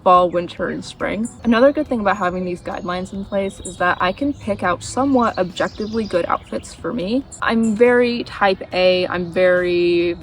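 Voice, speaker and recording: A woman's voice: fairly low pitch, moderate pace, few pauses, far from the mic. A young woman chatting casually to viewers in an informal, self-deprecating way, with a slight lisp from dental aligners. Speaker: style vlogger. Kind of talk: casual chatty vlog narration.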